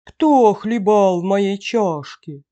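A woman voicing a mother bear in a storybook, growling but not too loudly. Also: mid-range voice, expressive, slow. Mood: indignant. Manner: growling, less loud. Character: mother bear, grumbling but less fierce.

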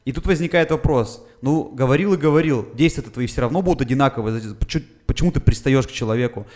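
Here a fitness coach from the Urals, Russia, chats on a podcast in a mid-range, somewhat dark voice, talking fast. He breaks things down methodically, leaning often on "uh" as a filler.

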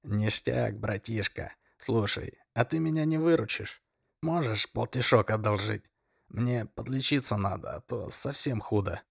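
A man voicing a hungover male drunk who begs with a hoarse, wheedling, slangy voice. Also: on the low side, a little slow, no room sound, studio quality, heavily acted. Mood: pleading. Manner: pleading, slangy.

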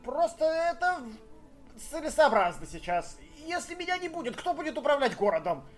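A shrill old coward behind a door. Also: male voice, big pitch swings, normal speed, soft background music. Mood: nervous. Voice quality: shrill, stammering. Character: cowardly old man, town's head, hiding indoors. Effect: muffled voice from behind a closed door. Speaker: game master.

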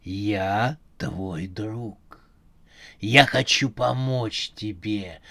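A man reading a story aloud, voicing a calm, mysterious phone caller with an artificial, metallic, robot-like voice. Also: on the low side, creaky, dry recording, pitched below the performer's own voice, full character voice. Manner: slow, eerily calm quizzing. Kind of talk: audiobook narration with voiced characters.

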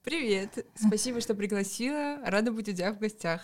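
A woman in her twenties from Armenia, a podcast guest talking about herself in a relaxed, candid way. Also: mid-range voice, a little fast. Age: 20s. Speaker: interview guest. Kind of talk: casual interview chat.

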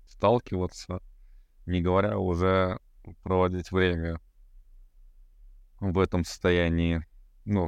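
A man in his thirties with a very low, smooth and resonant voice. He talks as a podcast guest in a loose, hesitant way, full of fillers and self-deprecating chuckles, recorded dry and close. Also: no echo. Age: 30s. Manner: hesitant, many fillers, laughs at himself. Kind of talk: casual conversation.

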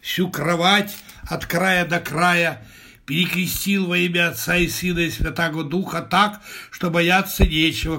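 A man's voice: a little high, sharp tone. A man doing a pious, gullible husband.

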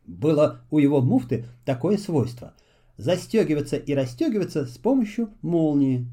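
A man narrating a children's fairy tale in an expressive, melodic reading. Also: a little high, normal speed.

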